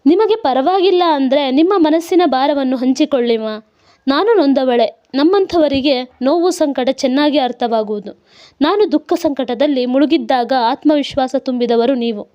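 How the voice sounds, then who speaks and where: A woman voicing a kind young woman caretaker who asks gentle, concerned questions. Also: high-pitched, normal speed, close to an everyday voice. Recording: dull lo-fi recording.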